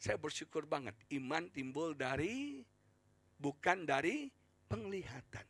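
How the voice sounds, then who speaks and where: A male pastor preaching a sermon with passion, swinging from shouts to hushed asides and repeating phrases for emphasis. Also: fairly high pitch, expressive, a little slow, breathy edge, dry recording. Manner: impassioned, swings from shouts to near whispers; repeats phrases for emphasis, addresses congregation as "saudara".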